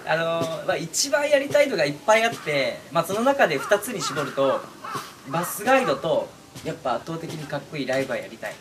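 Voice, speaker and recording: This animated young man creates voice-acting content and talks quickly to his viewers in a casual, fairly high voice, chuckling as he goes. A distant microphone makes the recording noisy, with background noise clearly present.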